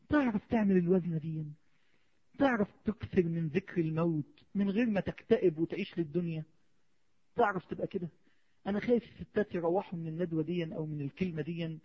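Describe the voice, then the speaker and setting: An Egyptian preacher with a very high, husky voice delivers a sermon at a brisk pace. He moves between hushed pleading and rising exhortation. The recording sounds dull and lo-fi. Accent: Egyptian Arabic.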